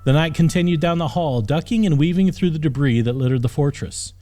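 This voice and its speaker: A man narrates a fantasy audiobook in a dramatic, scripted style, with background music under his voice. He speaks briskly in a fairly high but dark-toned voice.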